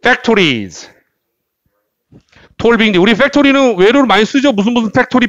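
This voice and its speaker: A man teaching English in a lively classroom lecture style, often repeating words and asking the class questions. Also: high voice, dry recording. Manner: animated, repeats words and asks rhetorical questions.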